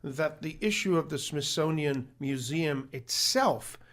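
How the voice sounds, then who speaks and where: A man's voice: fairly high pitch, a little slow. A man talking as a guest in a radio studio interview, earnest, correcting himself and repeating points for emphasis. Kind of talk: live radio interview talk.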